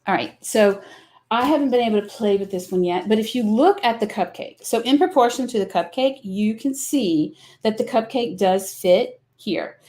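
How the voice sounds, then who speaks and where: A middle-aged woman from the American South hosts a live craft product demonstration for a craft company, chatting in a folksy, rambling way and filling her explanations with fillers. Her voice sits on the high side, expressive and dark in tone, at a moderate pace.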